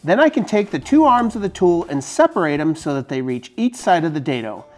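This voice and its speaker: A man in his forties hosts a casual woodworking review from a big barn workshop. His lively, swinging delivery stays jokey and explanatory. Faint music plays under his lapel-miked voice. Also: fairly high pitch, brisk. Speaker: woodworking channel host.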